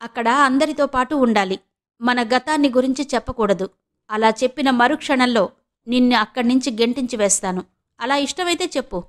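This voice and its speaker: A woman's voice: a little high, a little fast, lightly acted. A woman reading the lines of a proud, bitter middle-aged woman who speaks sharply and scornfully to her ex-husband. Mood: cold. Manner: sharp and scornful, snapping out short questions.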